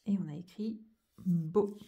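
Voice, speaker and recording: Speaking at a medium pitch, a little slowly and with a dark tone, a woman handwriting teacher patiently guides young children through joining cursive letters, stroke by stroke and sound by sound. The highs in the recording are cut off.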